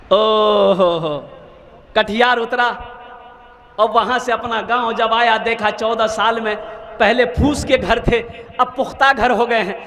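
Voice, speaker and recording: A man's voice: extremely high pitch, pushed and bright, long reverb tail. A man preaching an emotional sermon, telling a story dramatically and calling on the audience to answer him.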